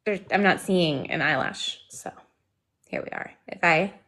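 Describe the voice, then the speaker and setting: A woman's voice: lowish voice, unhurried, fairly bright tone. A woman co-hosting a live stream on education advocacy, chatting in an easygoing, rambling way. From lives in Georgia. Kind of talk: casual chat.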